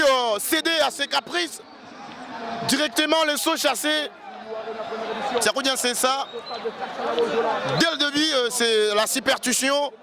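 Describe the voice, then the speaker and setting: A man's voice: extremely high pitch, gravelly. A man with a Congolese accent commentates wrestling live, exclaiming and repeating key phrases. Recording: loud music behind the commentary.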